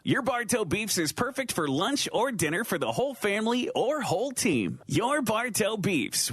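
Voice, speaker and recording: Male announcer for an amateur local ad, high and animated, dry studio sound. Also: slightly rough, no echo. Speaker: restaurant advertiser.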